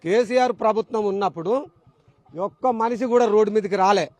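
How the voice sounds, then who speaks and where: A man's voice: sits high, brisk, a little mellow, no echo. Heated, rhetorical Telangana man. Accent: Telangana Telugu. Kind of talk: roadside news interview.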